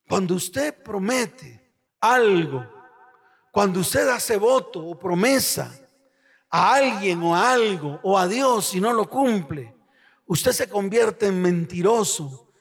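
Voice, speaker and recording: Male pastor, very high voice, fiery call-and-response sermon, reverberant hall. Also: animated, takes it slowly, creaky, pauses often, husky. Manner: call-and-response, urging the congregation to answer aloud; swings between shouting and quiet, hushed storytelling. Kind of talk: preaching a sermon.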